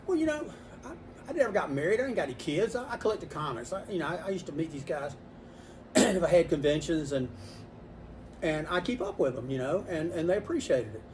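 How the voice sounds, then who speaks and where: An older man, a comic shop owner telling animated stories in a casual interview inside his store. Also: brisk, background noise. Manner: animated storyteller, voices customers with rising pitch.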